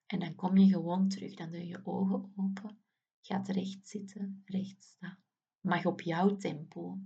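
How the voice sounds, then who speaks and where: A woman's voice: fairly low pitch, flat delivery, unhurried, creaky, warm tone, breathy edge, muffled recording. A woman guiding children through a muscle relaxation exercise, soothing and often dropping to a whisper.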